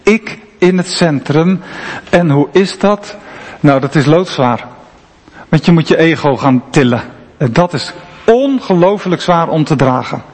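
A man's voice: fairly high pitch, lively intonation, unhurried, a little mellow, husky. A man preaching a sermon in a conversational, emphatic way, often asking rhetorical questions. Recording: long reverb of a large hall.

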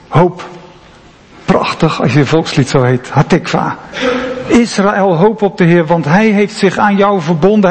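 Male pastor, earnest and reflective sermon, fairly high voice, long church echo. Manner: earnest, reflective, drops to near-whisper at times. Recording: long church reverb, faint ambient noise.

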